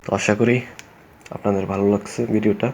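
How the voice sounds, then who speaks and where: A man's voice: lowish voice, flat delivery, fast, darkish tone. A man, explaining electrical work in a plain, repetitive way with many fillers. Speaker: electrician instructor. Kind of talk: casual spoken tutorial. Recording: dull lo-fi audio with faint noise.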